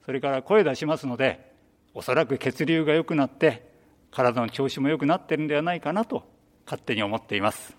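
A man who leads a reading club, answering interview questions calmly with some hesitant fillers. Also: mid-range voice, fairly quick. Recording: long reverb.

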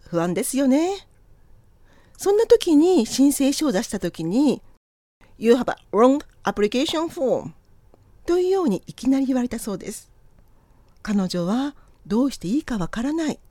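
Polite, lively woman teaching pronunciation. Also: fairly high pitch, dry recording. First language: Japanese. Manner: polite, encouraging, honorific Japanese with slow drawn-out model English phrases. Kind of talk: scripted lesson narration.

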